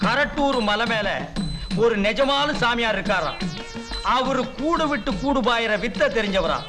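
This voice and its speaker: A scheming village trickster in a Tamil film comedy. His high, piercing voice and loud, broad delivery carry over a bed of film music. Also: lively intonation, a little slow. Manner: loud, exaggerated comic delivery. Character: scheming comic village man, boastful and cunning. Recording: film soundtrack with music behind.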